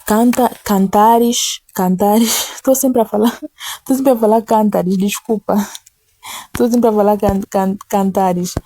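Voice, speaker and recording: A woman preaching informally, earnest and repeating her phrases, slowing down to read scripture softly. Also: mid-range voice, steady tone. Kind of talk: informal devotional teaching.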